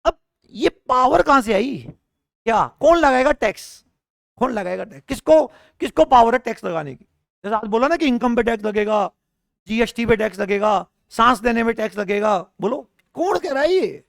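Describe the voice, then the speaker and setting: Here the tax tutor's voice is very high-pitched and creaky at a moderate pace, his sore throat evident as he lectures. He throws rhetorical questions at the class in a playful, combative style, and the audio is clean studio sound with no room reverb.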